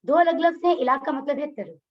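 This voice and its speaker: A woman's voice: high-pitched, brisk, highs cut off. A woman teaching an online religious class in Urdu-accented speech. She explains words one by one, repeats their meanings and puts questions to her students. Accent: Pakistani Urdu. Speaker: Quran course teacher. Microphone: video call.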